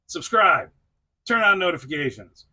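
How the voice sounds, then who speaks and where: In his casual toy review vlog, a middle-aged man addresses the viewer head-on with chatty self-deprecation. He speaks slowly but animatedly, his high, bright voice forceful with a breathy edge.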